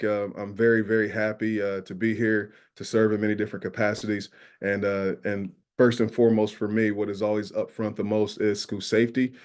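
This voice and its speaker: A man from New York with a Southern drawl, a school safety specialist presenting a webinar, earnest and filling pauses with "uh". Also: on the low side, darkish tone. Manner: earnest, many "uh" fillers.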